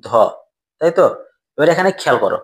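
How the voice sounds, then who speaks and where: A man's voice: a little high, very animated, fast talker, creaky, breathy edge. Bengali grammar teacher, a man with a raised voice. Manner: repeats questions to students and answers them. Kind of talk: grammar lesson.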